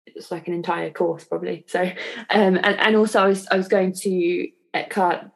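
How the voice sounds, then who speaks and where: A woman with a fairly low voice co-hosts a podcast. She talks in a reflective, unhurried chat, trailing off and circling back with fillers as she thinks. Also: steady tone, creaky. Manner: thoughtful, hesitant, many fillers. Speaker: podcast co-host.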